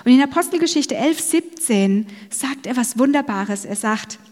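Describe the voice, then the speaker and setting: A woman preaching a sermon, telling the story in a lively way and acting out what the speakers say. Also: sits high, normal speed. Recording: long reverb of a large hall.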